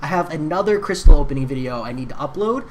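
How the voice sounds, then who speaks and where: A male game streamer talks casually to his live chat while he plays. His voice swings widely up and down in pitch, and his delivery is slangy and relaxed. He answers viewers by name in easy, offhand chatter. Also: quick pace, slight background noise.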